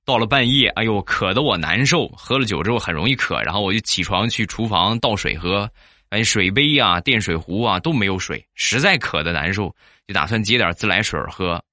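A man telling funny stories about married life, acting out the quoted people in sudden high bursts. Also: animated, fairly quick, bright, forceful tone, no room sound, clean studio sound. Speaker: joke-telling host. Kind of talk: comic storytelling.

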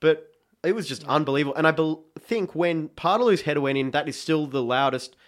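A man talking football with friends in a casual podcast chat. His voice sits a little high, and he gets animated as he retells the big moments. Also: fairly quick. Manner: excited storytelling, animated retelling.

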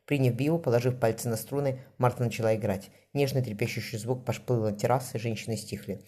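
A man narrating a novel at a rapid clip, his voice husky and breathy. The tone is dark and mellow, delivered as steady scripted narration. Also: medium pitch. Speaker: audiobook reader.

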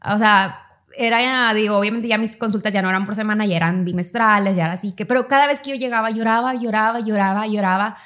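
A young woman, chatting casually on a podcast and acting out quoted dialogue as she tells a personal story. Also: a bit bright. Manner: storytelling, acts out quoted dialogue in quick higher tones. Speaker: podcast co-host. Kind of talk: casual chat.

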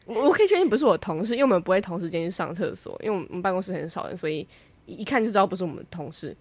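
Lively young woman, dry sound. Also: on the low side, very fast, no echo. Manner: animated, exasperated complaining. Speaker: podcast co-host. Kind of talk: casual chat.

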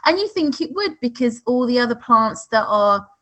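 A woman's voice: a little high, big pitch swings, fairly bright tone. Enthusiastic woman co-host. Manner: enthusiastic, agreeable, quick to chime in. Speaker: podcast co-host. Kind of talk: casual podcast chat.

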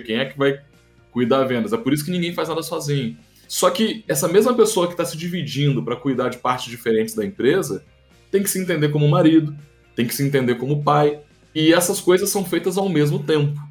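A Brazilian man hosting an easygoing interview, his voice sitting a little high. He talks in a reflective, emphatic way and drops casual slang as he goes. Faint music plays beneath him. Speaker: podcast host.

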